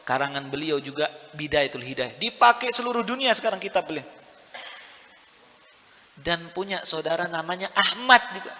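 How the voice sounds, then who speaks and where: A man's voice: fairly high pitch, expressive, moderate pace, pushed and bright. A man preaching a sermon, often asking the audience questions and having them answer back. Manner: call-and-response questions to the audience. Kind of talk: religious sermon. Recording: reverberant hall.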